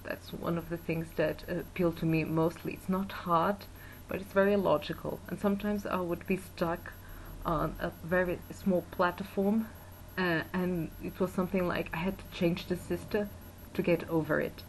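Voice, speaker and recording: A Portuguese woman who teaches English and German gives a spoken video review, full of fillers and restarts. Her lowish voice holds a steady tone at normal speed. The low-quality recording, made on a built-in webcam mic, carries a little hiss or hum.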